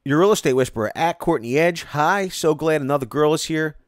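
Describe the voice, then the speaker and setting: A man with a fairly high voice and a slightly quick pace reads viewer comments on a live stream, chatting casually and rambling. He's excitable, restarts often and says "like" a lot. The close-mic home stream sounds dry and studio-quality.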